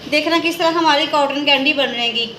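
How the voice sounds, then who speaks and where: A woman's voice: high voice, a little fast, noisy background. A woman, chatting casually as she demonstrates a recipe in her home kitchen, walking through each step and pointing things out as she goes. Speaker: home cooking vlogger.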